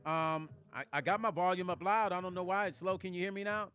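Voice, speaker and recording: A man's voice: high voice, steady tone, a little fast, a bit bright, clean tone. An older man hosting a casual livestream, talking emotionally and rambling to viewers on a close studio mic. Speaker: vlog host.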